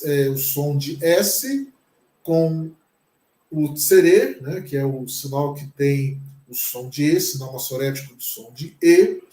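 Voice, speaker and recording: A man's voice: fairly high pitch, lively intonation, takes it slowly, warm tone, reverberant. A Brazilian pastor teaching a Hebrew lesson, patient and careful, repeating each word several times as he explains it. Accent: Brazilian Portuguese. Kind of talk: slow classroom lesson.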